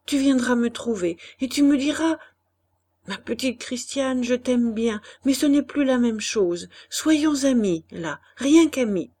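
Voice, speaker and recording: A woman's voice: a little high, measured pace, warm tone. A woman reading a tender young wife. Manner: pleading, tender.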